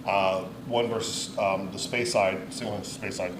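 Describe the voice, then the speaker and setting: A man co-hosting a relaxed podcast from a cigar lounge. He is animated and joking, often breaking into loud bursts of talk. Room noise runs clearly under his voice. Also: sits low, moderate pace, recorded from a distance, rough recording. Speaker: podcast co-host. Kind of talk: casual chat.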